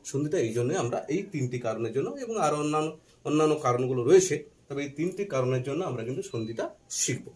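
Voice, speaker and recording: A man teaching a Bengali grammar lesson, slowly spelling out letters and asking and answering his own questions, with a faint Bangladeshi Bengali accent. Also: medium pitch, expressive, darkish tone. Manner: slow and deliberate while writing, spelling out letters.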